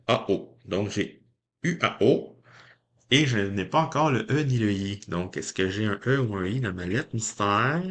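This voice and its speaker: Speaking with a Québécois French accent in a lowish voice, a man chats casually with viewers while scratching lottery tickets, reading each letter aloud one at a time.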